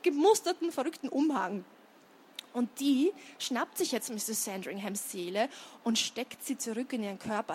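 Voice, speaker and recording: High-voiced woman reading a children's book. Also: a little hiss or hum. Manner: lively storytelling, chatty asides with many fillers. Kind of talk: reading aloud, then explaining to children.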